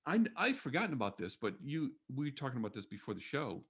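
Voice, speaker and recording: A man co-hosting a casual spiritual podcast, talking in a halting way with many fillers and restarts. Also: mid-range voice, sing-song, a bit bright, husky. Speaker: podcast co-host.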